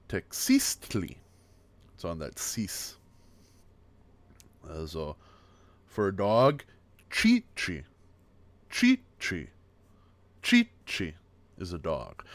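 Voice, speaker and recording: An American man giving a casual livestream language lesson, repeating each example word slowly and chatting between them. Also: low-pitched. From United States. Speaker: streamer teaching a language. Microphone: streaming mic.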